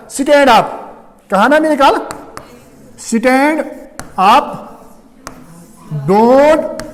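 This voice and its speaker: A man with a very high, lively voice teaches an English lesson. He explains each point step by step and keeps asking whether the class understands. His voice carries a long reverb from the classroom. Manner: repeats "do you understand?" often, explains step by step. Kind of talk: classroom lecture.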